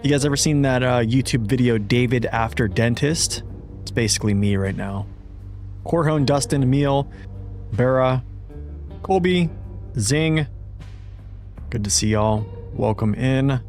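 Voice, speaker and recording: A man's voice: medium pitch, a little slow, pauses often, a little mellow. Guy chatting on a game stream, mouth numb from the dentist so bit slurry, laid back, music behind him. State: numb-mouthed after dental work, slightly slurred. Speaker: video game live streamer. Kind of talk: casual livestream chat while gaming.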